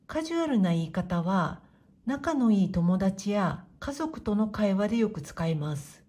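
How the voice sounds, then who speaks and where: Woman, language teacher, very slow pace, patient, clear explanations, encouraging. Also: mid-range voice, sing-song, mellow. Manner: patient and encouraging, models pronunciation slowly. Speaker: Japanese teacher.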